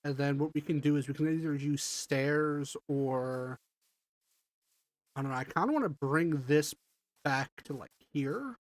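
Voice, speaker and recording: With a slightly high voice and a measured pace, a gamer livestreams a block-building game and muses aloud as he constructs things. His allergies leave him congested, and the audio has no echo.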